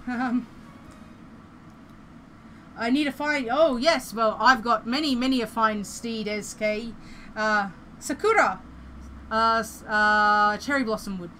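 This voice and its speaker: A woman's voice: on the high side, fairly even intonation, slow pace, long pauses, sharp tone, a little hiss or hum, low-quality recording. A young Australian woman chatting casually and playfully as she streams a building game, rambling through her thoughts.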